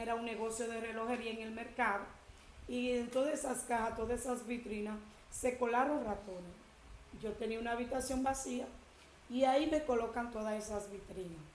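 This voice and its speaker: A woman's voice: on the high side, echoey room, slight background noise, low-quality recording. A woman preaching a testimony in a sermon, telling her story with emphatic quoted speech.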